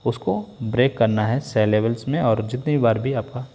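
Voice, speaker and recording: A male teacher with an Indian English accent. He reads English textbook lines aloud slowly and explains them quickly in Hindi. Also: medium pitch, fairly even intonation, warm tone.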